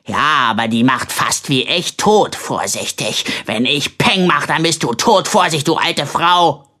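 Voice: medium pitch, a little slow, bright, forceful tone. A reader voicing a grown man with the mind of a three-year-old, stubborn and cheerful, talking in a childish singsong. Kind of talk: audiobook reading.

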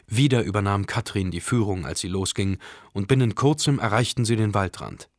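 A man giving measured, suspenseful scripted narration of an audiobook. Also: lowish voice, no echo, clean studio sound.

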